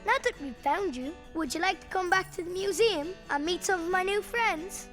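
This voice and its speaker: A woman's voice: very high voice, normal speed, fairly bright tone. A woman voicing Henry, a cheerful, curious little boy in a cartoon, talking eagerly. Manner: eager, bubbly, exclaims often. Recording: music playing behind.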